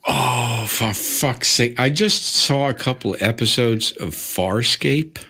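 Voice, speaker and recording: Rambling, foul-mouthed host. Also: male voice, mid-range voice, takes it slowly, pushed and bright, slightly rough. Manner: rambling, profane ranting. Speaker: livestream host. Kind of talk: casual livestream chat.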